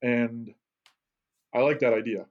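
A man's voice: medium pitch, fairly even intonation, takes it slowly. A man co-hosting a casual podcast, talkative and telling long anecdotes. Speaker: podcast co-host. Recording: slightly dull audio.

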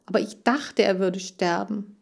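A woman's voice: mid-range voice, fairly even intonation, measured pace, vocal fry. A woman reading a children's audiobook, voicing an agitated, tearful girl who cares for farm animals. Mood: distressed. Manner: agitated, pleading, raised voice.

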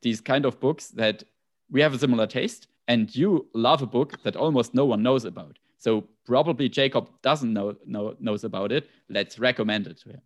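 A man with a German accent in a relaxed podcast conversation, thinking aloud with frequent restarts and asides. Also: medium pitch, moderate pace.

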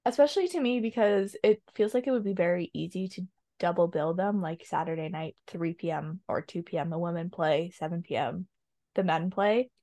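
A woman's voice: fairly low pitch, a little fast, dark tone, no echo, clean studio sound. A woman chatting casually on a podcast, opinionated and rambling with lots of ums. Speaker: podcast co-host. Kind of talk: casual chat.

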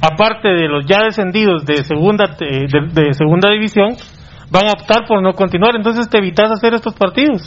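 A man's voice: sits high, brisk. A man on sports radio, explaining a proposal step by step and acting out little dialogues. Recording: dull radio broadcast sound.

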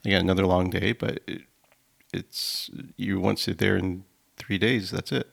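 A man's voice: low-pitched, fairly even intonation, normal speed, vocal fry, a bit bright. A man co-hosting a podcast in easygoing, agreeable casual chat. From Ontario, Canada. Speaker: podcast co-host.

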